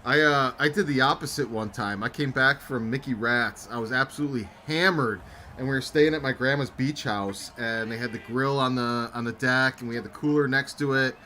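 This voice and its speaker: A man's voice: mid-range voice, fairly quick, sharp tone, a little hiss or hum. A young man co-hosting a game-sim stream, chatting casually and rambling through anecdotes while reading chat aloud. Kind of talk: casual chat over a simulated football game.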